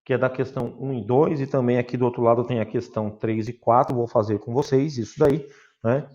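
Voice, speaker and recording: A man from Brazil teaching a recorded class in a lively, chatty way, addressing his students informally. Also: medium pitch, fairly quick, lo-fi sound.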